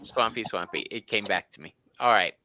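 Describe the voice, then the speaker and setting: A man's voice: fairly low pitch, a little fast, bright, forceful tone, dry recording. A man hosting a casual tarot reading stream, bantering in a giggly, self-mocking way. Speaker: tarot reader and stream host.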